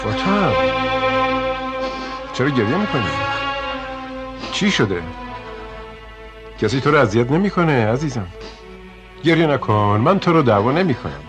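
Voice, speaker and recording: A man voicing a worried older brother in a dubbed film, anxious and then gently soothing. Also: mid-range voice, very animated, pauses often, over music, natural voice. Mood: tender. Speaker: protective older brother searching for his sister. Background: film score.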